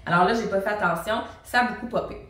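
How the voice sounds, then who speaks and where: A woman, a singing teacher and vocal coach, explaining technique to the viewer in a lively, casual way and demonstrating the sounds herself. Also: mid-range voice, fast, faint music behind. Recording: very echoey room, mic at a distance.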